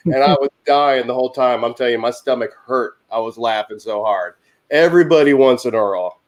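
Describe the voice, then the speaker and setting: A man telling a long, funny work anecdote on a talk show, animated and laughing as he goes. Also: mid-range voice, fairly quick. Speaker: HVAC technician guest. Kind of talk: casual storytelling on a talk show.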